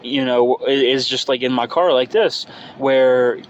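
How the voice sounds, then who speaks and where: A man in his early twenties talks off the cuff in a rambling, hesitant way, as if working out his thoughts aloud. His voice sits at an average male pitch. It is a phone recording made inside a car, with clear noise behind him. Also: fairly even intonation, measured pace, dull audio. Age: early 20s. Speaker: podcast host. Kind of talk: unscripted casual solo podcast monologue. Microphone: phone microphone.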